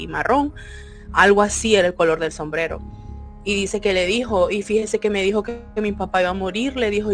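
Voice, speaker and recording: A woman, co-hosting a podcast and telling a story with lively, acted-out voices. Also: mid-range voice. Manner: animated, acts out quoted voices. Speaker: podcast co-host. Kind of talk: casual storytelling.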